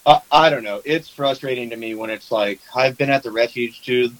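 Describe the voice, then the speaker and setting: A man's voice: medium pitch, brisk, no echo, poor audio. A man chatting casually about duck hunting, telling stories and acting out the quotes. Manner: animated storyteller, acts out quotes.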